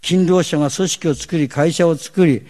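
A man's voice: on the high side, moderate pace, dark tone. A man hosting a televised discussion seminar, lecturing in an emphatic, sardonic style full of rhetorical questions. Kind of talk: televised commentary monologue.

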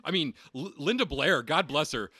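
Wry, bright-voiced man riffing casually. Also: on the high side, animated, normal speed, slightly rough, no echo, studio quality. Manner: wry, profane, chuckling asides. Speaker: podcast co-host. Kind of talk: casual film-review chat.

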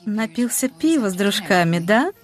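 An actress in a dubbed film drama playing an affectionate young bride-to-be with a tender, teasing manner. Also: female voice, medium pitch, lively intonation, moderate pace, faint music behind, natural voice. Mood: hushed, teasing. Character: bride-to-be, affectionate young woman, anxious for her dog.

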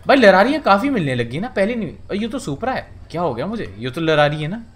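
A young man with a slightly high voice talks his way through a video game in loose, casual commentary. He jokes along as he plays and keeps up a running chatter with himself and the game. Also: very animated, quick pace. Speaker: gaming channel host.

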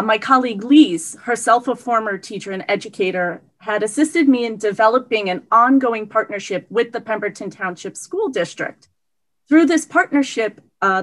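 A woman giving a prepared award acceptance speech over a video call, earnest and steady. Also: on the high side, low-quality recording. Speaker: award recipient.

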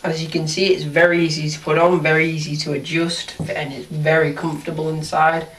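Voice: mid-range voice, flat delivery, a little fast, a bit bright, echoey room, recorded from a distance, slight background noise. A thirteen-year-old talks through a face mask in a casual, rambling product review. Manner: rambling, hesitant, repeats "so yeah".

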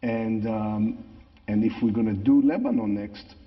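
A man's voice: fairly low pitch, unhurried. A middle-aged man from Israel with an Israeli accent, explaining things conversationally as an interview guest. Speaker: interview guest, tour guide. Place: large church sanctuary, indoors. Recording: echoey large hall, slightly dull sound.

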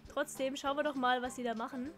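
A woman's voice: high-pitched, fairly even intonation, a little fast, soft background music. A young woman streaming a game, chatting casually, reading the chat aloud and laughing often.

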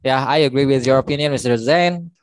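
A man's voice: mid-range voice, normal speed, dry recording. A man teaching English in a live online lesson, chatty and explaining with lots of examples and fillers.

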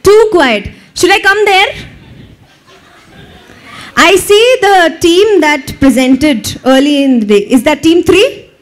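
A woman hosts a live event, her high voice swooping all over as she teases the audience. She talks slowly and deliberately, coaxing people to join in. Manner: lively, teasing crowd banter. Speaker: event emcee.

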